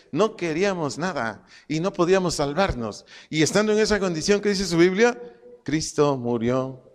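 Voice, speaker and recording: A man's voice: fairly high pitch, big-room sound. A man teaching a Bible study, asking questions and answering them himself, repeating key phrases and spelling out Greek words.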